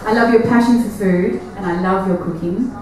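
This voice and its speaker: A woman's voice: medium pitch, moderate pace. A woman giving an affectionate, sentimental wedding speech as the bride's sister. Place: large echoey venue at a wedding reception. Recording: echoey, noisy, distant event recording.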